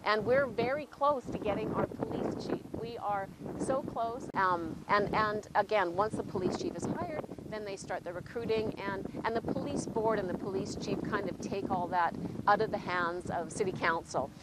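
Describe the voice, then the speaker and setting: A woman councillor talks through policy in a hesitant way, often repeating words. Loud noise and wind buffet the microphone behind her. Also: medium pitch, moderate pace, hardly any pauses. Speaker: city councillor. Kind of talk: interview answer.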